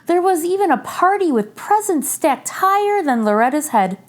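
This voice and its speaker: A high-pitched woman hosts a children's picture book reading, telling the story expressively with big pitch swings over soft background music. She speaks directly to young listeners with clear, deliberate phrasing.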